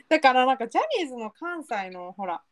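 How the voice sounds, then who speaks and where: A woman's voice: high voice, very animated, fairly quick, no echo. A young woman with a Kansai accent, co-hosting a casual chat podcast and laughing often. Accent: Kansai Japanese. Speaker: podcast co-host.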